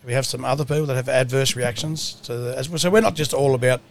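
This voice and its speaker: A man's voice: mid-range voice, fast talker. Matey man with a broad Australian accent. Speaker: podcast host. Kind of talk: casual podcast chat. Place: mobile podcast setup at an outdoor rally.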